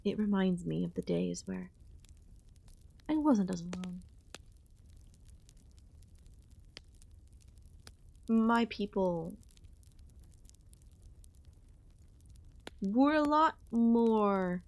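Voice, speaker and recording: In an ASMR audio roleplay, a woman plays an ancient goddess queen who is possessive and lonely. She speaks hushed and intimate, with pauses, in a medium-pitched voice with vocal fry and a nostalgic mood.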